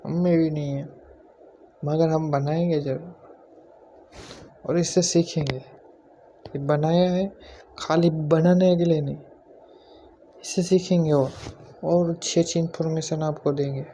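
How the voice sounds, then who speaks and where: Guy vlogging from home, keeps his voice low on purpose, mellow and kinda monotone. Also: unhurried, pauses often, slight background noise. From Gujarat, India. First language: Gujarati. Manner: speaks quietly on purpose, self-deprecating. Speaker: YouTuber. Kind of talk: casual vlog talk to camera.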